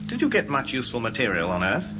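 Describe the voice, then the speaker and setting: A man's voice: mid-range voice, huge pitch swings, quick pace, over music. A man playing a bewildered, indignant ordinary Englishman in a radio comedy, with an English accent. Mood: curious. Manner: indignant, incredulous. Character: exasperated, bewildered ordinary Englishman lost in space.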